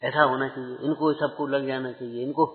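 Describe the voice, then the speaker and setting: A man's voice: mid-range voice, little pitch movement, fairly quick. A man preaching a sermon to a gathered audience, exhorting them and putting rhetorical questions to them. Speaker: Jain preacher. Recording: dull sound with long hall reverb.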